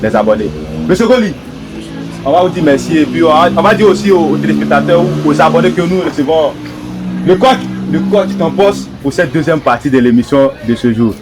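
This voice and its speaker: A man's voice: fairly high pitch, lively intonation, brisk, music in the background. A man hosting a football debate show, introducing guests and posing long, formal questions. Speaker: host. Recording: noisy background.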